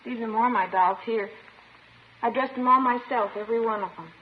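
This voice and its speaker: Slightly high with a breathy edge, the woman's voice moves fairly quickly. On an old, muffled and noisy 1950s radio crime drama, she voices a sullen, defensive, childlike schoolgirl making a confession to police, petulant and detached.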